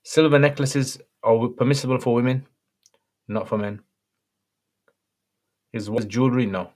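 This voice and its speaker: On a livestream, an Islamic scholar reads out viewer questions and answers them briefly and matter-of-factly. His slightly croaky, medium-pitched voice is a little mellow and moves at a normal speed.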